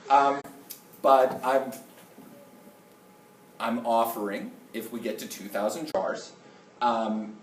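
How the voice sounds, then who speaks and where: Give the voice of a male schoolteacher talking informally to his class in stops and starts. He sounds distant from the mic in an echoey room, and he keeps checking that everyone follows. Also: medium pitch. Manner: halting, repeats okay to check attention. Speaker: middle school teacher. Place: indoor classroom with students. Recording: roomy classroom, distant mic, faint noise.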